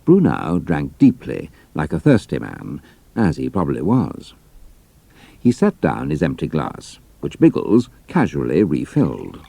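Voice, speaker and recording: A man's voice: a bass voice, wildly swooping pitch, unhurried, creaky, mellow, dry recording. A man narrating an adventure story in a scripted, dramatic style.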